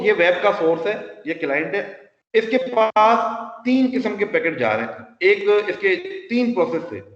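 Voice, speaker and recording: A man delivers a classroom lecture, walking through each step by asking questions and answering them himself. The recording sounds dull and lo-fi, with a long echo from a large hall. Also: sits high. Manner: explains step by step with rhetorical questions; mixes English technical terms into his speech.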